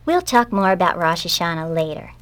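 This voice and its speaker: A kind, orderly schoolteacher from a storybook, as a woman reader plays her. She speaks in a clear, teacherly way. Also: fairly low pitch, very animated, brisk, fairly bright tone.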